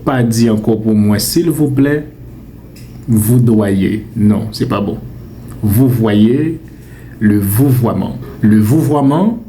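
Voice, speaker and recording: A man with a Haitian accent, teaching French pronunciation on his channel, repeating words slowly and playfully scolding mistakes. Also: on the low side, warm tone, slight background noise. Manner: emphatic, repeats words slowly to correct them; playfully scolding, calls mispronunciations mean. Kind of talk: direct-to-camera language lesson.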